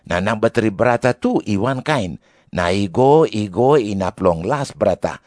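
A man's voice: lowish voice, animated, normal speed, darkish tone, dry recording, clean studio sound, natural voice. A man with a Papua New Guinean accent playing someone posing a puzzle to a teacher in a scripture drama. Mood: challenging.

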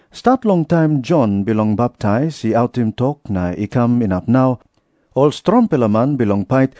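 A man with a Papua New Guinean accent playing an earnest prophet who preaches deliberately in a dramatised scripture reading. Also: mid-range voice, dark tone, dry recording, natural voice. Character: Jesus, earnest preaching prophet addressing crowds.

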